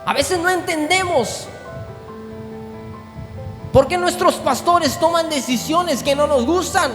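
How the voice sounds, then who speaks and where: A pastor preaching a sermon, moving from low, intimate tones up to shouted climaxes. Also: male voice, takes it slowly. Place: large church hall. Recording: echoey hall with music behind.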